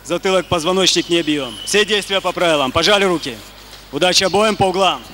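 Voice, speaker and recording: A man's voice: sits high, a little fast, background noise. A man refereeing a fight, giving clipped rules and commands in the ring of a large arena.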